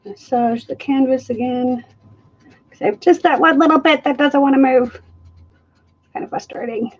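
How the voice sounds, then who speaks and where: Casually chatting through a live fluid art demo, a woman jokes about herself and laughs often. She talks at a normal speed in a voice that sits high, and the audio is dull. The stream comes from an art studio, shot from a camera overhead on the table.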